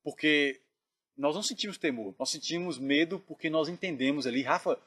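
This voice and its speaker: A man earnestly retelling a dream in casual storytelling, often dropping his voice to a hush. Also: fairly high pitch, brisk, husky. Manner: earnest, drops to hushed tones when reliving tense moments. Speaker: dream narrator.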